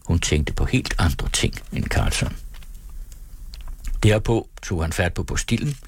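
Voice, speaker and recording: Low, husky male storyteller. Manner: steady, measured storytelling. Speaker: narrator. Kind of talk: scripted audiobook narration.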